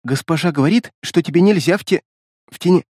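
A man reads a shy little beast girl from a fantasy audiobook, who stumbles and stammers over her words. The voice is lightly raised and lively in its rise and fall, recorded dry and close. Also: a little high, no room sound. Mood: timid. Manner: halting, stammering.

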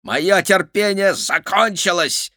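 A shaved-headed male stuntman villain growls his demands in a high, pushed voice, played by a man. He gloats and snarls, all bluster. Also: sing-song, slow, sharp tone, no echo, clean studio sound, exaggerated voice. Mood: growling.

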